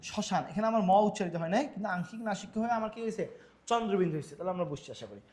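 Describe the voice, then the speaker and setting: Quick, high-voiced teacher lecturing. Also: male voice, a little mellow. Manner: repetitive, quizzing himself with rhetorical questions. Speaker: Bengali grammar teacher. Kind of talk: exam-prep lecture over slides.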